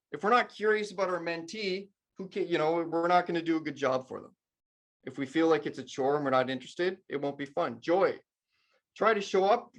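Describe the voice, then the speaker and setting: A man leading a mentoring workshop in a casual, conversational way. He talks straight to his listeners and checks in with them often. His voice sits a little higher than most men's. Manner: casual, addresses the audience directly. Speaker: leadership trainer.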